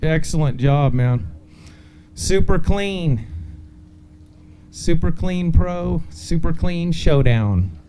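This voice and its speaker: A man hosting a live fishing weigh-in by a lake, announcing in a hearty way with drawn-out names and weights and chatting casually. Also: on the high side, lively intonation, dark tone, a little hiss or hum. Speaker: host of a fishing tournament weigh-in.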